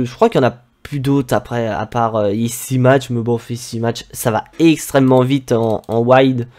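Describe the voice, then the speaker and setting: A man giving relaxed, chatty commentary on his own gameplay, with frequent hesitations. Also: mid-range voice. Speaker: gaming YouTuber.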